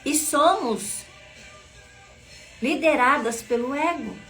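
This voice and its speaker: A woman's voice: high-pitched, slow pace, bright, forceful tone, soft background music. Earnest woman leading a devotional. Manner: earnest, asks listeners questions directly. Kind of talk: devotional teaching reading from a book.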